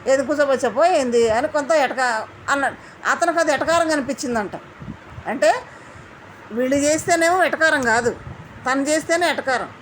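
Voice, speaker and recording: A woman recapping a reality show in an indignant, animated commentary, mimicking the housemates she quotes. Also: high-pitched, a little hiss or hum.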